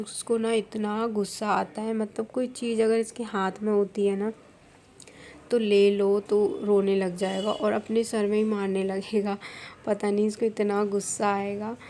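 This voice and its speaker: A woman's voice: mid-range voice, dark tone, slight background noise. A young Indian woman, a vlogger from India, talking casually as she explains her household chores step by step. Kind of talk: casual voice-over narration.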